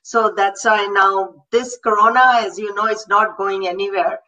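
A woman's voice: mid-range voice, fairly even intonation, moderate pace, bright, forceful tone. A middle-aged woman co-hosting in casual mixed Hindi-Urdu and English over a video call. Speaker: co-host. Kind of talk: casual bilingual chat, switching between Hindi-Urdu and English. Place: home study with bookshelves, indoors. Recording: distant, dull video call audio.

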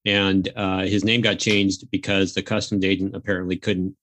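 A man's voice: sits low, level tone, moderate pace, fairly bright tone, no echo. A man hosting a podcast, talking casually and telling stories in an upbeat, chatty way. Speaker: podcast host.

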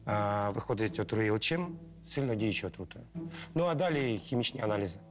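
An actor plays a calm male medical examiner who explains things in a measured way. His voice is low-pitched, and music plays clearly underneath. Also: natural voice.

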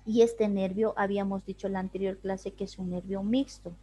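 A woman's voice: medium pitch, little pitch movement, brisk, dark tone, breathy edge. A woman teaching anatomy in an online class, explaining step by step and asking rhetorical questions she answers herself. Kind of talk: online lecture. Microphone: video call.

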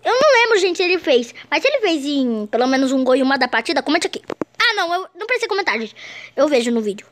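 Casting: young girl gamer, very high lively voice, excitable commentary, noisy home recording. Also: fast. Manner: excitable, shrieks at goals, keeps saying "gente". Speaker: gameplay commentator.

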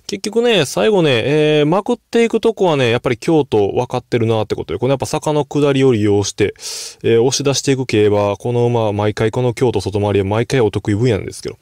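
A man with a Kansai accent talks fast and loosely through his horse-racing bets, rambling and poking fun at himself. His voice has a gravelly fry. He is recorded close and dry, with no room sound. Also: medium pitch, a little mellow, no echo. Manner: rambling and self-deprecating, often apologizing. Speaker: host. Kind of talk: casual horse-racing betting commentary.

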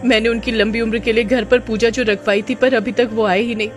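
A woman's voice: on the high side, little pitch movement, brisk, lightly acted. A woman voicing a distraught young wife who cries and pleads as she searches for her missing husband. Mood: tearful, anxious. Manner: pleading, anxious. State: crying. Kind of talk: audio drama narration. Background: background music.

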